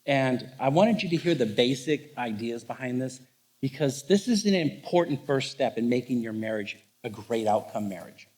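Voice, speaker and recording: A man's voice: medium pitch, normal speed. Joking middle-aged man lecturing on stage. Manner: joking, animated storytelling. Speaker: marriage counselor. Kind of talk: live seminar talk. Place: on stage before a live audience.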